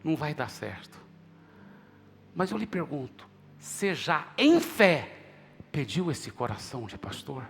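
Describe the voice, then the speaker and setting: In a church auditorium, a male pastor preaches passionately, dramatically retelling the dialogue of his prayers and urging leaders to come forward. His slightly high, gravelly, fairly bright voice swings hugely in pitch, moves unhurriedly and pauses often, with church hall reverb and faint music in the background.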